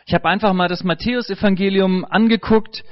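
A man's voice: sits high, fairly even intonation, a little fast, no room sound, muffled recording. A man preaching a sermon in a conversational way, joking and putting questions to his audience.

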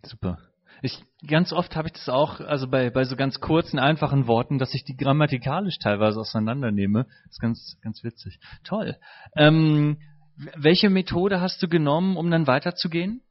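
Encouraging man leading a group. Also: a little high. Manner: encouraging, quick praise. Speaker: group leader. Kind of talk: casual group discussion. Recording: dull lo-fi sound.

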